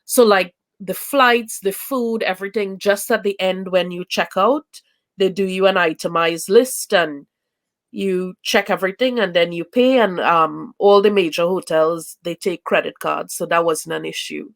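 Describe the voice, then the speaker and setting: A young woman from Trinidad, a traveling parent, speaks as a guest in a casual video chat interview, her lowish voice moving a little slowly. She's chatty, full of fillers and restarts, and the audio comes through a video call.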